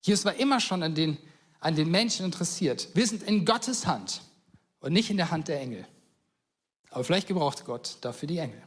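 A man's voice: on the high side, expressive, a little fast. A man preaching a casual sermon, telling stories with enthusiasm and acting out quotes in everyday speech.

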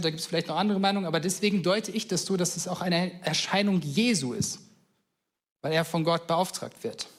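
High-voiced man preaching casually. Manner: casual, enthusiastic storytelling with acted quotes. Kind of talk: casual sermon.

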